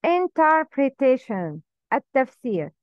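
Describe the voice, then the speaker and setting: A woman's voice: sits high, sing-song, no echo, muffled recording. A woman teaching Quran recitation, modeling letter sounds one by one, correcting them and asking the listener to repeat. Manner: slow, deliberate, sound by sound. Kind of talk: tajweed pronunciation lesson.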